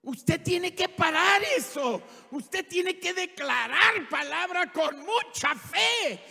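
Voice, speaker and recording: A man evangelist preaching a fervent sermon in a church, shouting his declarations. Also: very high voice, expressive, slow pace, vocal fry. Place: church sanctuary. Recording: reverberant church hall.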